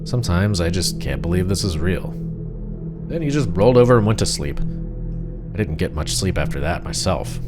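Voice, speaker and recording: Deep-voiced man as a frightened wife, horror story. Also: expressive, moderate pace. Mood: tense, suspicious. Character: frightened, suspicious wife confiding a dark secret. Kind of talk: first-person horror story narration. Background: music.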